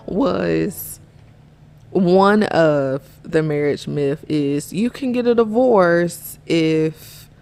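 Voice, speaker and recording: Woman podcast host, gravelly fry, unhurried, earnest, slightly out of breath. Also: low-pitched, a little mellow. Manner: earnest, laughs often. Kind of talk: casual faith-based chat.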